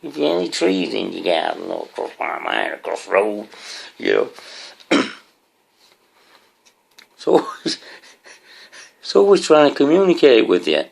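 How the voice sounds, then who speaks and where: A man's voice: on the low side, very animated, a little slow, vocal fry, long pauses. A man rambling to his viewers in a swearing, ranting monologue, often asking them questions. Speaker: vlogger.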